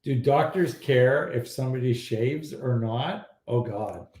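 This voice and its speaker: A man answers fertility questions on a casual live stream, blunt and animated, sometimes openly exasperated. His voice sounds mellow and a little dark. The room gives it a noticeable echo. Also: medium pitch, unhurried. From Iran.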